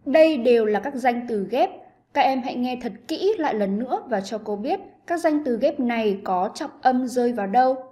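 A woman teacher giving an online English lesson to pupils, explaining grammar with clear, patient pacing. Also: fairly high pitch, lively intonation, normal speed, mellow.

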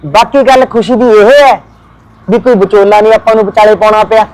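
A man's voice: high voice, fairly even intonation, brisk, darkish tone, dry recording, close to an everyday voice, poor audio. An actor with a Punjabi accent playing a friendly middle-aged father of the groom in a village family drama. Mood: cheerful.

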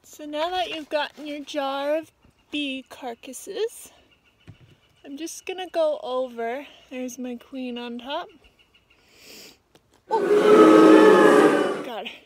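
A beekeeping vlogger in her twenties, her voice sitting high and animated, gives an easygoing, chatty walkthrough of hive work in her backyard, narrating as she works. Now and then she gasps with dismay at what she finds. Recorded outdoors with music underneath, she is captured by a nearby camera on a stand that is later held by hand.

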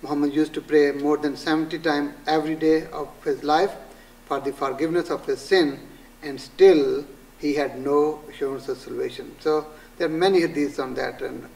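An older man with a Pakistani accent, a pastor being interviewed, speaking earnestly with many halting pauses as he recounts and quotes scripture. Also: on the high side, fairly even intonation, creaky, darkish tone, distant mic, low-quality recording. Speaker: pastor, guest. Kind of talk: interview answers. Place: small studio room with green wall.

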